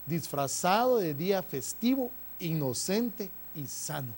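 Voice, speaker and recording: A pastor delivers a sermon to his congregation in a notably high-pitched voice. He keeps turning to the listeners with brotherly asides and pushes his points with rising emphasis. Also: big pitch swings, slow pace, a little mellow, slight background noise. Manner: preaching with frequent "hermano" asides, rising emphasis.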